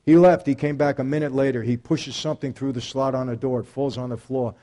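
A man giving a faith testimony, storytelling emphatically and speaking straight to his audience, swinging between hushed and loud. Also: medium pitch, steady tone, a little fast. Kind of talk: personal testimony talk.

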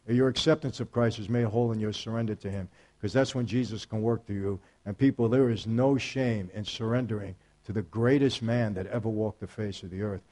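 A man giving a faith testimony, storytelling emphatically and speaking straight to his audience, swinging between hushed and loud. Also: lowish voice, steady tone, fairly quick. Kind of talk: personal testimony talk.

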